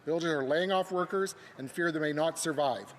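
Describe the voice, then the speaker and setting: A man's voice: on the high side, normal speed, slight background noise. A man reading out a question as an opposition member of parliament. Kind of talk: parliamentary question, read speech. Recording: long reverberant hall.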